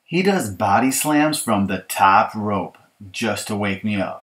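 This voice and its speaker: A man reads his own children's picture book as an exasperated young girl fed up with her bratty little brother. His fairly low, slightly bright voice moves a little slowly with lively intonation, making the complaint dramatic, emphatic, and mock-aggrieved.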